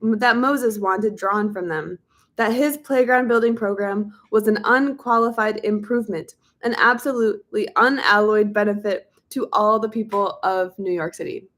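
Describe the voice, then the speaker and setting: A woman's voice: mid-range voice, normal speed, fairly bright tone. Woman reading a history book aloud. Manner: reads steadily, now and then slipping and repeating words. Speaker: reader of a book. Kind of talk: reading a nonfiction book aloud with casual asides.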